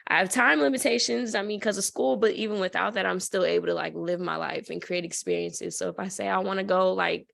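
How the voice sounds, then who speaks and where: A woman's voice: mid-range voice, fairly even intonation, a little fast, creaky, few pauses, fairly bright tone. A woman in her twenties, a student co-hosting a podcast, talking in a reflective, grateful way with lots of "like". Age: 20s. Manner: reflective, grateful, with many fillers. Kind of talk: casual chat.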